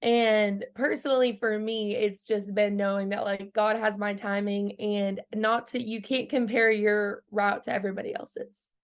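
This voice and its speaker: Her voice is mid-range and her delivery flat, a little slow, with few pauses. She's a country singer in her early twenties being interviewed casually, bubbly and quick to laugh, leaning heavily on "like."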